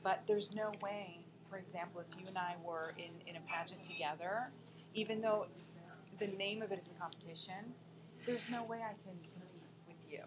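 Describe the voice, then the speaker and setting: A young woman from the United States, a pageant coach, talking lively and expressively as a guest at a restaurant table. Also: mid-range voice, normal speed, background noise. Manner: lively, expressive, laughs often. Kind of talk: casual interview chat. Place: restaurant dining room, indoors.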